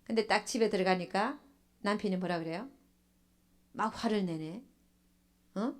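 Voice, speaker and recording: A woman's voice: medium pitch, normal speed. A middle-aged woman pastor giving a sermon. She keeps asking the congregation questions and acts out what believers think. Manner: animated preaching, asks the congregation questions, acts out church members' thoughts.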